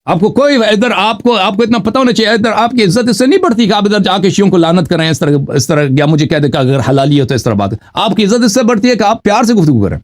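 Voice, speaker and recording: A man's voice: high voice, lively intonation, hardly any pauses. A man hosting a live debate show, emphatic and repetitive, talking over his opponent in a heated exchange. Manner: emphatic, repeats himself, talks over the caller.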